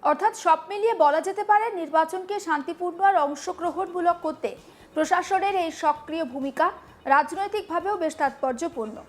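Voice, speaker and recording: A woman's voice: extremely high pitch, a little fast. A woman news anchor, presenting a news report.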